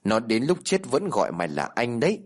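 A man's voice: medium pitch, huge pitch swings, a little fast. A man voicing a grieving older village ritual master who speaks bitterly, choked up with grief.

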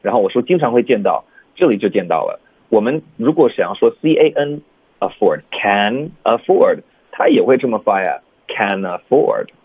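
A man with a low, husky voice teaches English pronunciation on the radio, patiently sounding words out slowly. The recording is dry and narrow, like a phone line. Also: sing-song, no room sound. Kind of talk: radio lesson chat.

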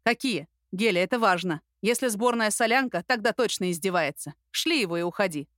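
A woman reading an audiobook, voicing a calm, teasing male friend with a steady, reassuring manner. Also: mid-range voice, brisk, dry recording, studio quality, close to an everyday voice.

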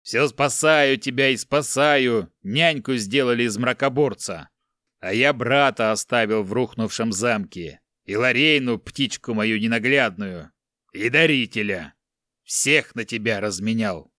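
A man voicing a gruff giant barbarian who drawls slow, loud and folksy mockery in an audiobook. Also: medium pitch, lively intonation, no room sound, clean studio sound. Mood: angry.

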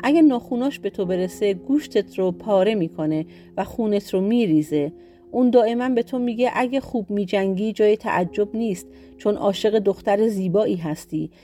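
A wise and caring young maiden gives earnest warnings in a soft, mellow storybook voice, as a woman narrator reads her part. Faint guitar music sits behind the reading. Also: medium pitch, close to an everyday voice.

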